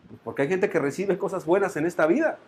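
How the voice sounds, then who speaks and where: A man preaches in a Colombian accent with a high-pitched voice. He tells the story with emphatic repetition, building intensity and then dropping it again. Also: quick pace. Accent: Colombian Spanish. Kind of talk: sermon.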